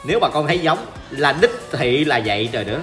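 A man's voice: fairly high pitch, sing-song, fast, fairly bright tone, faint music behind. A man with a Southern Vietnamese accent giving joking, chatty commentary over a game he is playing live, teasing opponents and talking to viewers. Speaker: gaming streamer.

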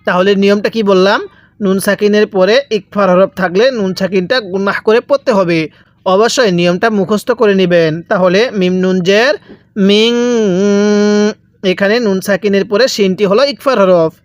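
A man teaching Quran reading, spelling syllables out slowly and asking then answering his own questions. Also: high voice, steady tone, no room sound, lo-fi sound. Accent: Bangladeshi Bengali. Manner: drills letter by letter, asks and answers own questions. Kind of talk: slow spelled-out recitation lesson.

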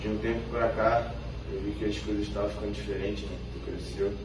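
A man's voice: on the low side, little pitch movement, a little fast. A young man pulling pranks on his family in a teasing, playful way. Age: young adult. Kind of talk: prank skits. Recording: echoey room, from far off, noisy.

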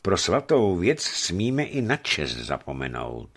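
A man voicing an earnest, quick-tempered companion who speaks emphatically. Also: low voice, wildly swooping pitch, vocal fry, a bit bright, husky, heavily acted.

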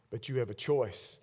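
With a medium-pitched voice that has a breathy edge, a man in his thirties delivers a sermon from a big church stage. The pastor wears a headset mic and alternates between booming outbursts and quiet passages.

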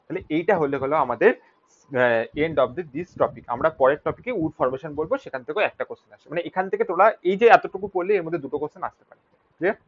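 Fast-talking male biology teacher. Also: fairly high pitch. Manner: rhetorical questions, frequent "clear?" checks; mixes Bengali with English terms. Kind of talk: exam-prep lecture. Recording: dull lo-fi recording.

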